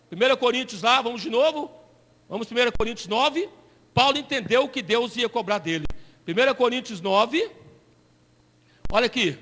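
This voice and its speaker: A man preaching an evangelistic sermon in a church, telling stories and rising to shouts at the climaxes. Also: very high voice, big-room sound. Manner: animated storytelling, bursts into shouting at climaxes.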